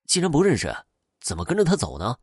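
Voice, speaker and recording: A man's voice: wildly swooping pitch, fast, a little mellow, slightly rough, dry recording, clean studio sound. A man voicing a stubborn, bold young boy who speaks in a raised, insistent voice. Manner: high-pitched, insistent.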